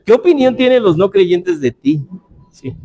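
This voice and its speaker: High-voiced man teaching a Bible class. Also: big pitch swings, a little slow, dark tone. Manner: conversational, tells anecdotes with quoted dialogue.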